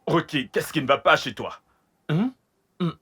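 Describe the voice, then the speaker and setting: A man's voice: on the high side, lively intonation, moderate pace, fairly bright tone, husky. An actor dubbing a puzzled husband caught in his wife's lie, questioning and bewildered, for a French film dub.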